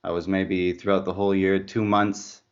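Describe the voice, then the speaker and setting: A native Slovak speaker from Slovakia, a former pro road cyclist who moved on to mountain bike racing, talks casually in an interview, feeling his way toward the right words. His voice is low and smooth, with a level tone and a moderate pace. The audio is dull and lo-fi.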